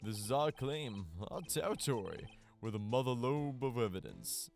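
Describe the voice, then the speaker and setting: A man's voice: mid-range voice, sing-song, moderate pace, gravelly, a little mellow, soft background music. A man voicing a swaggering male detective who talks like a Wild West cowboy, drawling in frontier slang.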